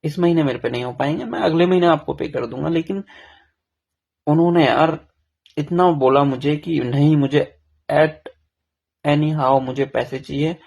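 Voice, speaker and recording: A man's voice: on the high side, gravelly, darkish tone. A young man telling his own story in a frank, self-deprecating, rambling way, full of restarts, in a casual confessional vlog.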